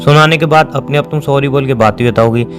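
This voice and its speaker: A man's voice: medium pitch, quick pace, over music, close to an everyday voice. A young man playing a boyfriend in an acted phone-call drama, insistent and questioning, later patient and lecturing. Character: young boyfriend pressing his girlfriend on a call.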